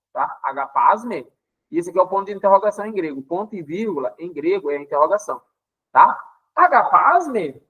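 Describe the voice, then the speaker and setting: Man with a Pará accent, high voice, teaching a Bible lesson with constant "tá?" check-ins and playful exasperation. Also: low-quality recording. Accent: Paraense Brazilian Portuguese. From Pará, Brazil. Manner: explanatory, with frequent "tá?" check-ins; lively, acting out dialogue with playful exasperation. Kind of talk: Bible lesson explaining Greek words.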